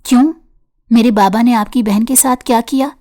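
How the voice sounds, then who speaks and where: A woman's voice: a little high, steady tone, mellow, natural voice. A woman voicing a frightened young woman who pleads tearfully while crying. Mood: puzzled.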